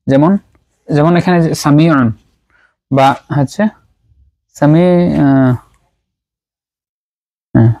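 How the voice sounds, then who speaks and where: A man teaching Quran recitation rules. He writes examples on a board as he explains, speaks haltingly with frequent pauses and fillers, and drills each term through slow repetition. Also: fairly high pitch, dark tone. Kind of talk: explanatory lesson at a writing board.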